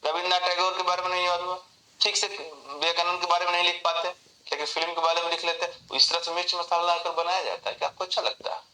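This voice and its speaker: Speaking quickly in a high-pitched voice, an animated instructor runs an online memory class, talking directly to students by name. His Hindi is mixed with English phrases, and the reverberant audio is poor.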